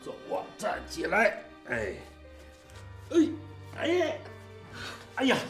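A man's voice: high voice, huge pitch swings, slow pace, fairly bright tone, soft background music, heavily acted. An older actor playing a kindly old man who coaxes and fusses over a sick young woman in a TV drama. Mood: coaxing. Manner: coaxing, fussing, repeats himself. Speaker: elderly caretaker. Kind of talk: TV drama acting.

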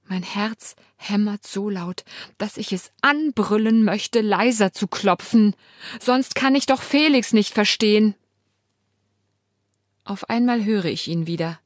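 A woman's voice: medium pitch, slow pace, dry recording. Woman audiobook narrator, emotional dramatic read, dry close mic. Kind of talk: first-person audiobook narration.

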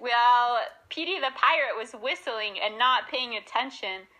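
Bright-voiced woman narrating a storybook. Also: on the high side, measured pace, low-quality recording.

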